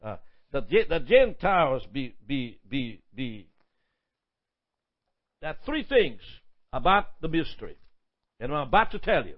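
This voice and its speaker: A man's voice: medium pitch, big pitch swings, measured pace, long pauses, dull audio. A man preaching a sermon, listing points emphatically, often stumbling and repeating words.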